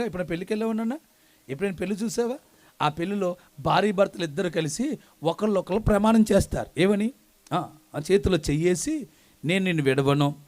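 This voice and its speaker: A man with an unusually high voice delivers a live sermon. He keeps firing questions at the congregation, calling for responses. He jumps from soft asides to loud exclamations. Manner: asks the congregation question after question; swings between loud exclamations and quiet asides. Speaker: preacher.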